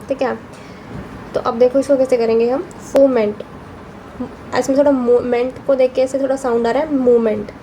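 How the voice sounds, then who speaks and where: A woman's voice: high-pitched, mellow, a little hiss or hum, rough recording. A young woman teaching exam vocabulary with mnemonic tricks, explaining patiently. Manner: explains patiently, repeats "ठीक है" between points.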